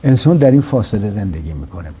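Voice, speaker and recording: Husky dark-voiced man, measured explainer. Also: on the low side, big pitch swings. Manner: measured, explanatory, quotes Quranic verses. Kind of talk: reflective religious discussion. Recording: dull lo-fi sound.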